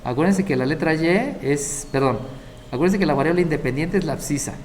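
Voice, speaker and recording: A man's voice: on the high side, brisk, darkish tone, slight background noise. A man giving a math lecture, explaining step by step and checking in with his students. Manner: explains step by step, often checking the class with short questions. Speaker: math teacher.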